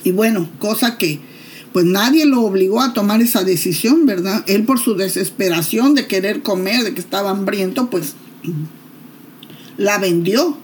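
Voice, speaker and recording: A woman's voice: medium pitch, normal speed, a little hiss or hum. A woman retelling a Bible story in a chatty, casual way, with asides and filler tags.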